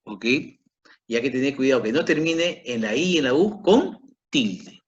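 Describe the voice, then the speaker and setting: Male teacher, middle-aged, unhurried, repeats and checks understanding; dull lo-fi sound. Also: mid-range voice, expressive. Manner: slow, repetitive, checks in with "¿ok?". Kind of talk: grammar lesson. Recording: dull lo-fi recording.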